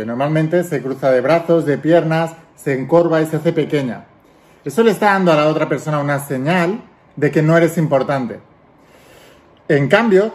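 A man giving a motivational self-help lesson, speaking directly to the viewer and acting out examples. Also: fairly high pitch. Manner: direct, addresses the viewer as tú, demonstrates voices.

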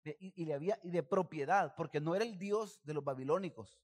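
A man's voice: a little high, quick pace, darkish tone. A male pastor preaching a sermon, emphatic, often calling the congregation to repeat phrases after him.

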